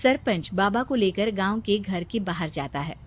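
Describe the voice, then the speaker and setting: A woman's voice: medium pitch, lively intonation, moderate pace. A woman reading scripted story narration.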